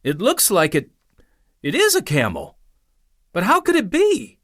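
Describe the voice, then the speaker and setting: A man's voice: high voice, huge pitch swings, unhurried, fairly bright tone, voice pushed up, full character voice. A man voicing a curious older boy, raised and boyish. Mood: wondering. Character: wondering older boy, the brother.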